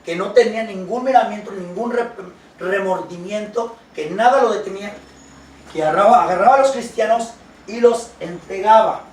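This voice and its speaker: A man preaching a sermon. He reads scripture slowly and then explains it with questions to the congregation. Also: sits high, roomy sound, recorded from a distance, poor audio. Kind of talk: sermon with Bible reading.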